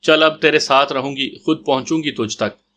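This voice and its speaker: A man reading the lines of a fiery, possessive woman in an audio story, rough-spoken and teasing. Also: mid-range voice, sharp tone, lightly acted.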